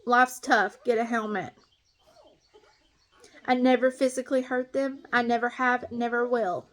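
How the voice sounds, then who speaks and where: A woman with a noticeably high voice vents in a casual vlog monologue. She talks bluntly and angrily, ranting at length as a fed-up stepmom. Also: flat delivery, a little slow. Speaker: stepmom vlogger.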